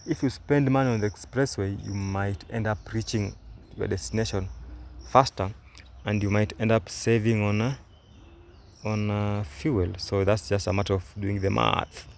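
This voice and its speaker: With slight background noise, a young Kenyan man whose first language is Swahili narrates travel commentary as a vlogger from inside a moving car, recorded on a phone. He's hesitant and explanatory, with many fillers and restarts. His voice is lowish and creaky, with a steady tone and moderate pace.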